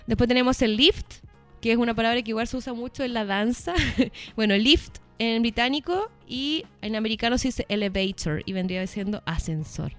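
A woman's voice: fairly high pitch, normal speed, soft background music. A woman teacher with a Chilean Spanish accent explaining things in a casual chat, often checking in with "¿ya?" and laughing lightly. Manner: chatty, checks in with "¿ya?", laughs between points. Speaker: English teacher.

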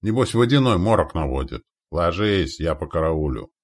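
A man's voice: low-pitched, big pitch swings, moderate pace, exaggerated voice. A man doing a drowsy, dismissive soldier. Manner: mumbling.

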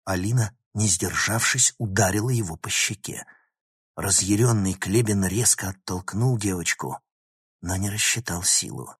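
A man's voice: sits low, moderate pace, husky, dry recording, clean studio sound. A man reading a dramatic story aloud as narrator. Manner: dramatic reading, animated phrasing. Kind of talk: audiobook narration.

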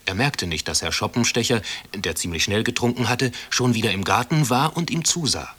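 A man reading a children's story aloud in calm, measured school-radio narration. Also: mid-range voice, husky. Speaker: reader.

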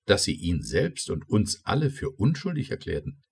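A man's voice: lowish voice, huge pitch swings, moderate pace, vocal fry, slightly rough, voice pushed up, exaggerated voice. A man voicing a noble young prince who questions intently, in an audiobook reading. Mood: earnest.

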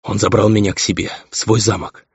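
A man's voice: on the low side, fairly even intonation, a little fast, husky, no echo. A man voicing a feverish, frantic young noble son raving, on a dull, lo-fi recording.

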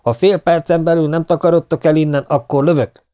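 A man's voice: fairly high pitch, fairly even intonation, mellow, clear, resonant tone, pitched above the performer's own voice, close to an everyday voice. A man voicing a hot-tempered armed male officer who cuts in with curt threats. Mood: threatening.

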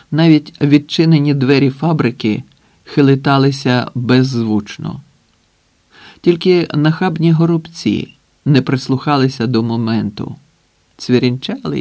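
A man narrating an audiobook in a measured, dramatic way with long pauses. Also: mid-range voice, mellow, no room sound.

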